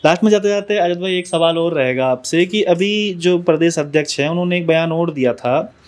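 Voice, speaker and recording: A man's voice: on the high side, brisk. A male reporter interviewing a guest for a news channel, pressing with pointed questions and insisting his question be understood.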